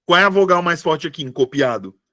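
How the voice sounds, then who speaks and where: Chatty male teacher, high voice. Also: lively intonation, fairly quick, pushed and bright. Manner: chatty, checks in often with the viewers. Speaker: online exam-prep teacher. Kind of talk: live online class.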